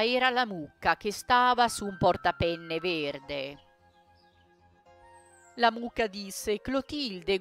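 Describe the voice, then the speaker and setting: A woman reading a children's fairy tale aloud in a calm, measured way. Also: fairly low pitch. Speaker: storyteller. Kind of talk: storybook reading.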